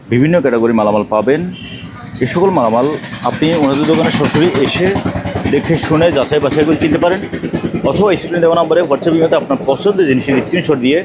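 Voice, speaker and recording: A man hosts a vlog at a very fast clip, in a slightly raised voice. His intro is brisk and welcoming. Clear traffic noise runs behind him at a roadside shop. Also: a little high. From Bangladesh. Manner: brisk welcoming intro, then short assents. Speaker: vlogger host. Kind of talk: vlog presenting.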